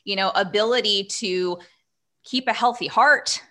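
A woman's voice: mid-range voice, a little slow, pushed and bright. A woman guest expert explaining earnestly in casual conversation, with frequent fillers.

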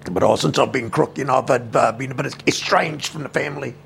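A man's voice: medium pitch, fast talker, gravelly, a bit bright, a little hiss or hum. A man in his fifties with a New Zealand accent, telling family stories in a casual interview, blunt and swearing constantly. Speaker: interviewee, brother.

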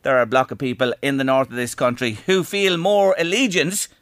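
A man's voice: mid-range voice, animated, brisk, fairly bright tone, no room sound, clean studio sound. A man hosting a radio show, chatting in a folksy, encouraging way. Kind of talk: casual radio chat. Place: radio studio. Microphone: studio microphone.

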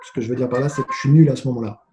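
A man with a very dark, mellow voice tells his story in a relaxed, animated way, full of restarts and swearing. The room around him is echoey, the sound of a remote call. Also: mid-range voice, very fast, dull audio, slight background noise. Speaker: guest, former tennis player. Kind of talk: casual storytelling. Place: home with noise nearby. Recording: roomy echo.

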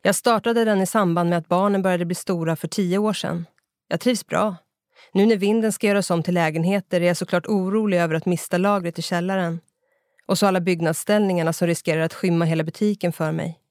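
A woman's voice: on the low side, steady tone, darkish tone, dry recording, clean studio sound, close to an everyday voice. A reader voicing a polite, chatty middle-aged woman shop owner. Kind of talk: audiobook character voice.

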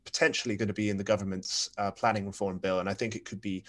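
Brief: young male panel guest, low voice, wry, umming through arguments. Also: level tone, fast. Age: young adult. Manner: wry, talks through his points with many fillers. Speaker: podcast guest. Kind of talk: panel discussion.

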